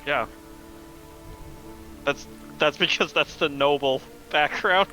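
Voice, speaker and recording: A man's voice: on the high side, takes it slowly, pushed and bright, faint music behind, rough recording. A man running an online tabletop game as game master, talking loosely and swearing casually over voice chat.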